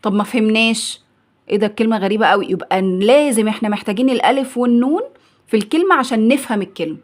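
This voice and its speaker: A woman's voice: fairly high pitch, very fast. A woman with an Egyptian accent, a primary school teacher, gives a grammar lesson for young children. She asks questions and then answers them in the pupil's voice. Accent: Egyptian Arabic. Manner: asks and answers her own questions, acting out the pupil's replies.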